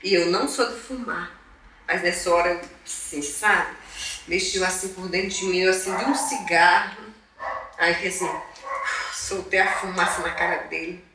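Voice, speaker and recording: A mother from northeastern Brazil, interviewed for a documentary, telling her story in a lively way and acting out past conversations. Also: on the low side, moderate pace, background noise. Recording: echoey room, mic at a distance.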